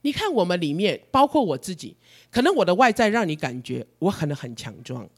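A man preaching a sermon, telling his story in an animated, emotional way. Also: sits high, brisk.

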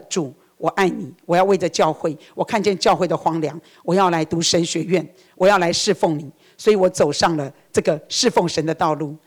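A woman's voice: lowish voice, breathy edge. A middle-aged woman, preaching a sermon. She tells her own story earnestly and acts out the prayers she quotes. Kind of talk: sermon with personal testimony.

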